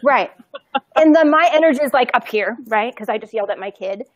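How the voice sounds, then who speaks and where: A woman in her thirties chatting casually as a podcast co-host, telling an animated story, acting out the voices in it and laughing often. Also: on the high side, brisk, no room sound, highs cut off.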